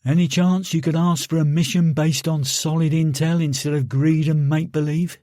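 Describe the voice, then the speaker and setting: A man's voice: on the high side, steady tone, moderate pace, mellow, no echo, close to an everyday voice. A man voicing a blunt, weary British soldier in an audiobook, talking in a curt, dry way.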